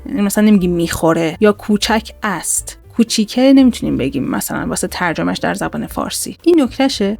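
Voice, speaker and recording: A woman's voice: mid-range voice, a little mellow. Woman teaching grammar over slides. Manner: patient explainer, repeats example words slowly. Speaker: Korean language teacher.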